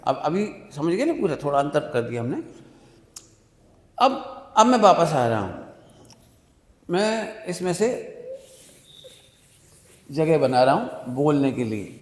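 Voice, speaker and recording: Teaching a religious workshop, this high-voiced, very animated man keeps checking understanding with "got it?" and works slowly through everyday examples. His classroom-style discourse rings with long hall reverb.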